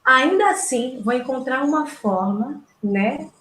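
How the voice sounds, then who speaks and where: Casting: Brazilian woman, unhurried reflective guest, deliberate pauses, echoey room recording. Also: sits high, lively intonation, fairly bright tone. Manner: deliberate, pausing between short phrases. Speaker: interview guest, teacher and coordinator. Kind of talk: reflective interview answer. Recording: roomy echo, some background noise.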